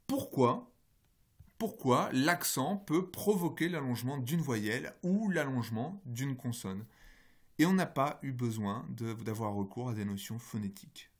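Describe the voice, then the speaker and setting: A man's voice: medium pitch, breathy edge. A man with a French accent lectures on a university course. He explains patiently, one step at a time, and often turns to his students with direct questions.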